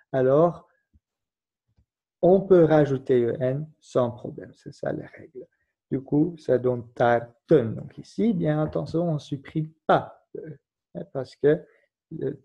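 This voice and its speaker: A man's voice: medium pitch, creaky, warm tone, breathy edge. A man giving a recorded grammar lesson, patiently explaining rules and spelling out letters one at a time. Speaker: teacher. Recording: dull lo-fi recording.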